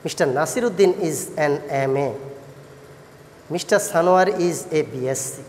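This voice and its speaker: Low-pitched Bangladeshi woman teaching children, reverberant. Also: measured pace, darkish tone, slight background noise. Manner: encouraging, praising, addressing children like a kids show host. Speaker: English grammar teacher. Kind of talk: scripted children's lesson. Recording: echoey hall-like reverb.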